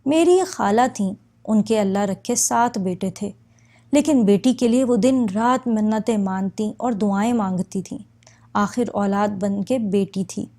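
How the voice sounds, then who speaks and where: A woman narrating a novel in the first person, calm and measured. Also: mid-range voice. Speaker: audiobook narrator.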